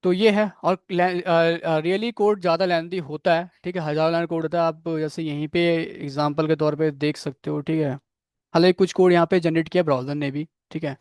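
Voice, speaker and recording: High-voiced man teaching code, dry sound. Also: steady tone, fairly quick, a little mellow, smooth, no room sound. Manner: asks students questions, repeats "ठीक है" often; admits struggling with a technical word. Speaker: programming instructor. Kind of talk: live coding lecture.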